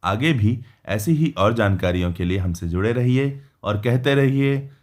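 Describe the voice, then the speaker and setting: A man with a somewhat low voice reads a scripted narration. His delivery is even and formal, explaining step by step. It feels like a plainly worded explainer voice-over. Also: moderate pace. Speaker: narrator of a devotional explainer video.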